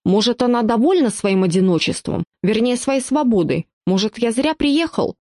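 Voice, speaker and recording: A woman reading first-person audiobook narration with lively storytelling. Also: fairly high pitch, normal speed, no room sound, clean studio sound.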